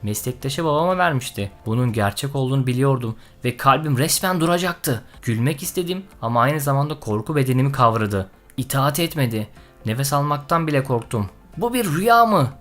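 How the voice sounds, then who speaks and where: A man's voice: medium pitch, a little fast, fairly bright tone, faint music behind. Man narrating a tense story. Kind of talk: scripted first-person story narration.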